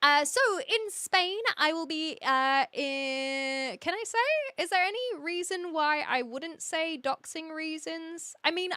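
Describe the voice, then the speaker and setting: Bright-voiced woman, Kiwi-British accent. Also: sits high, no echo. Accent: New Zealand mixed with British. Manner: chatty, cheeky, reacts to chat messages. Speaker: live streamer. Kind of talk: casual livestream chat with viewers.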